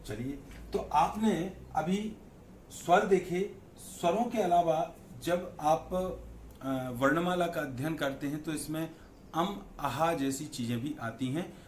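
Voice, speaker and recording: A man's voice: a little high, takes it slowly. A man teaching a lesson on Hindi vowels and signs, who repeats key terms and asks and answers his own questions. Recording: echoey room with faint background noise.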